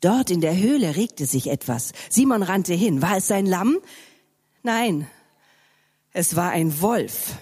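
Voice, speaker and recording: A woman tells a Christmas story in a slow, breathy voice that moves lively up and down. Her voice rings with a long echo through a church hall. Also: fairly low pitch. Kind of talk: reading a children's story aloud.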